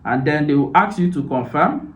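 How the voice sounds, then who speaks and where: Tutorial host, man, slightly high voice, step-by-step delivery, roomy room echo. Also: animated, moderate pace. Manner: step-by-step, repeats "so" and "now". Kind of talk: screen-recorded software tutorial. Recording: roomy echo, faint ambient noise.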